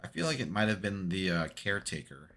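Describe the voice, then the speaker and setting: Bright-voiced, lowish male game streamer. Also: very animated, a little fast. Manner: slangy, laid-back. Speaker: streamer playing a horror game. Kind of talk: casual gaming livestream commentary.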